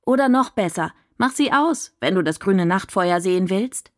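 A woman reading a storybook, voicing a bold young girl who is eager and quick to act. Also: medium pitch, creaky, darkish tone.

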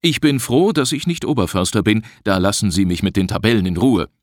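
A man's voice: fairly low pitch, animated, a little fast, no echo, studio quality, lightly acted. A man voicing an eager, cheeky young forest assistant in an audiobook.

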